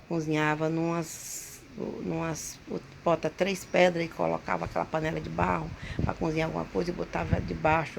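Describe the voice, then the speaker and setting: A woman, hosting her own channel and telling a personal story in a halting way, full of restarts and repeated words. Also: low-pitched, creaky, slight background noise. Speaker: channel host.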